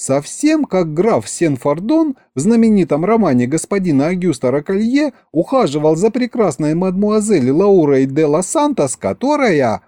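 Male reader doing a high, swooping, excitable young vampire girl, dreamy storybook figure. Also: dry recording, clean studio sound. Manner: sighing, drawn-out, breathless gushing. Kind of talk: audiobook character reading.

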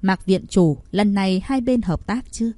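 A woman voicing a shadowy male assassin guild boss who speaks in a cold, scornful, husky tone, read from a storybook. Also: medium pitch, a little slow, warm tone, dry recording, lightly acted. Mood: cold, scheming.

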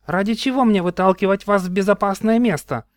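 Guy doing a sneery sea-monster brother, high and whiny, bitter and sly. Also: brisk, dry recording, lightly acted. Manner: mocking, sulky, self-pitying. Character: sly resentful man turned sea monster.

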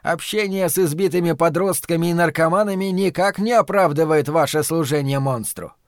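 A man's voice: on the high side, a little fast, no echo, clean studio sound, pitched above the performer's own voice, close to an everyday voice. A man voicing a formal, contemptuous older scholar. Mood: scornful.

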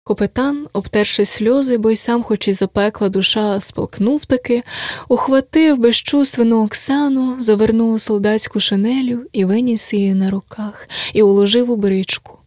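A woman narrating a classic story as an audiobook, measured and often hushed to a near whisper. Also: on the high side, fairly even intonation, no echo, clean studio sound.

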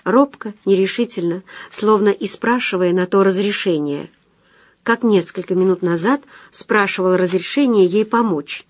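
A woman narrating a novel in a calm, even storytelling manner. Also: medium pitch, normal speed, dry recording. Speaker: audiobook narrator. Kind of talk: scripted literary narration.

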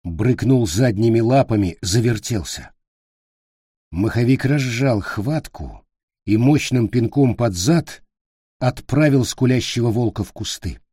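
A man reading a story aloud as measured, scripted narration. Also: medium pitch, lively intonation, warm tone, breathy edge, no room sound, studio quality. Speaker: audiobook reader.

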